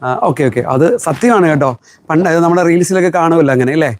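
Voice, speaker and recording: Man, middle-aged, shop owner on a live sales stream, rapid chatty delivery, fairly high voice, dry close sound. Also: no echo. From Kerala. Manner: chatty, reads viewer comments aloud and answers them. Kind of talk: live-stream product selling.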